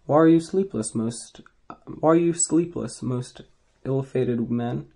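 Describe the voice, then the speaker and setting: A man's voice: mid-range voice, takes it slowly, gravelly, mellow. A man reading the lines of a firm, protective goddess who chides and reassures a hero, in his own everyday voice. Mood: chiding.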